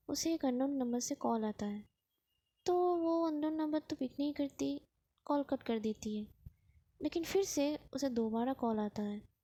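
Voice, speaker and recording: A woman telling a romance story in a chatty, casual way, slipping English words into her sentences. Her voice is soft and mellow and sits a little high.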